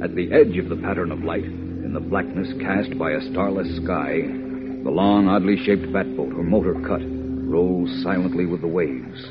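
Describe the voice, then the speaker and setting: This is a man in the style of an old 1940s radio announcer, building suspense with theatrical narration. The sound is a lo-fi vintage broadcast with music playing clearly underneath. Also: sits low, moderate pace.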